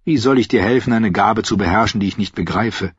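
A man voicing a solemn, wise boy seer who speaks in a grave, measured way. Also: on the low side, slightly rough, dry recording. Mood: earnest. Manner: measured, grave, slow speech. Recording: slightly dull dry recording.

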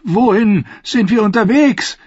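A man's voice: unhurried, darkish tone, breathy edge, dry recording, dull audio. A man voicing a wounded, feverish female knight who cries out in a raised, strained voice, in a storybook reading. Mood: pleading. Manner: high strained cries, pleading.

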